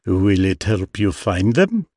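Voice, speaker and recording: A man's voice: deep voice, sing-song, takes it slowly, darkish tone, no echo, clean studio sound, heavily acted. Man doing a wary male traveler. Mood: earnest. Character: wary male traveler-inventor, guarded and earnest.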